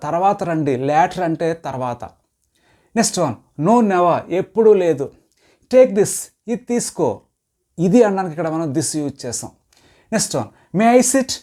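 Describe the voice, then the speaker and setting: A man teaching spoken English, saying each short phrase slowly and clearly, then explaining it in a quicker flow. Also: a little high, dark tone.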